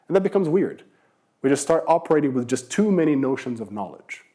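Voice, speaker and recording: Man, university lecturer, mellow dark voice, explanatory, rhetorical questions, emphatic repetition. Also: mid-range voice, big pitch swings, brisk. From Brazil.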